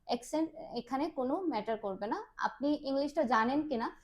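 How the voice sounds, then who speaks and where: A woman's voice: high voice, fairly quick. A woman, a business development manager, explaining a test's format in an interview. She speaks mixed with English phrases, with many "ah" fillers.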